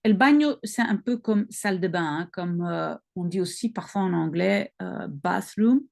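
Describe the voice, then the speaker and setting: Slow, careful Belgian French woman. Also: lowish voice, lively intonation, creaky, a little mellow. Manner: slow, careful, self-correcting, explaining as she goes. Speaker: language-learning video host. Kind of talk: reading practice dialogue aloud.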